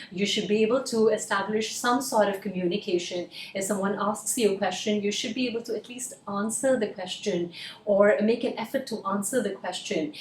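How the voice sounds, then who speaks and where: A woman from India, a native Hindi speaker, coaches people for cabin crew interviews, offering earnest, casual advice full of "uh" fillers. Her medium-pitched voice sounds a bit off-mic and distant, with roomy echo and slight hiss or hum.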